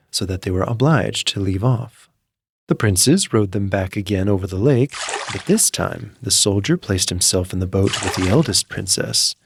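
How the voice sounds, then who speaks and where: A man reads a scripted fairy tale as a storyteller, delivering full literary sentences over background music. His voice is fairly low, with vocal fry and a breathy edge, in a dry recording.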